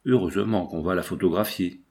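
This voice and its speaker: Brash, talkative young art student, read by a man, low-pitched, nonstop rambler. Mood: excited. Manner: rapid, unstoppable rambling.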